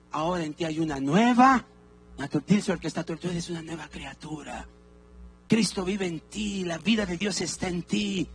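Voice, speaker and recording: A man's voice: high voice, fairly bright tone. A man preaching a sermon as pastor, emphatic and calling his congregation to repeat phrases aloud. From Peru. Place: church sanctuary.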